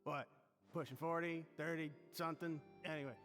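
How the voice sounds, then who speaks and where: An actor playing a tipsy, chatty man in a video game, secretive about his debts, speaking in a hushed, wary, evasive way. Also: a little high, steady tone, normal speed, lightly acted. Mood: tipsy, rambling. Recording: music behind the voice.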